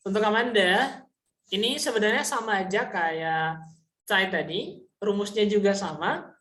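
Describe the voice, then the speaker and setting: A woman with a medium-pitched, slightly bright voice teaches a casual online Mandarin lesson in a roomy-sounding space. She explains patiently, says example sentences slowly and often checks that her students understand.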